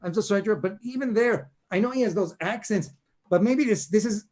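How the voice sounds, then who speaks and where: Man, violin teacher, video call, somewhat high voice, chatty, self-interrupting, encouraging. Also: fast, darkish tone. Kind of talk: online masterclass coaching.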